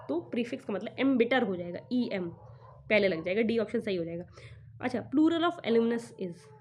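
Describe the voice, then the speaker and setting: A woman teacher working through exam questions, reading the English lines slowly and explaining them in Hindi. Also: a little high, a little mellow, slight background noise.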